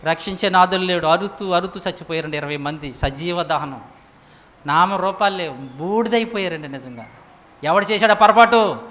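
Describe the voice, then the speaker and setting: A man preaching a sermon with emphatic rhetorical questions, swinging from loud to hushed. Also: high-pitched, moderate pace. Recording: echoey hall reverb.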